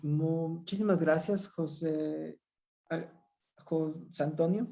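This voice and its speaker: A moderator leads the panel, stumbling now and then on her words. Her voice is warm and darkish. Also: low voice, fairly even intonation, takes it slowly, creaky.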